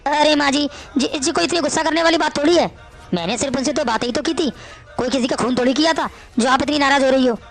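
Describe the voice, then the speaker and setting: A woman's voice: sits high, fast talker, faint music behind. A woman voicing an outspoken young daughter-in-law who answers back in a cartoon story. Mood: defiant. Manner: pleading, then pert back-talk.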